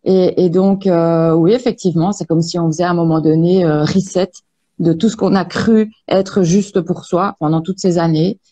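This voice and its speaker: A woman with a mellow, soft-edged voice speaks calmly and at a measured pace, often pausing on hesitations. She explains energy healing sessions as a guest in an interview. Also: lowish voice. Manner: calm, measured, many hesitations. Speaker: Access Bars practitioner, guest.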